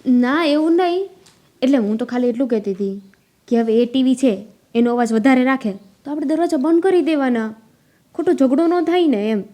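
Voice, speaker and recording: Give me a woman playing a gentle young woman pleading for calm, mellow tone. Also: sits high, normal speed. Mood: placating. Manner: gentle, reasoning. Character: calm daughter-in-law pleading with her grandmother. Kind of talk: family drama acting.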